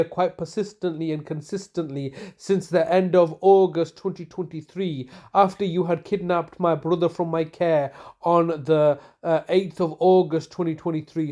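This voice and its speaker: A man's voice: high voice, mellow, highs cut off. A man leaving a long voicemail, angry and accusatory, stumbling over his words with many fillers and restarts. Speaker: caller. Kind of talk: ranting phone message.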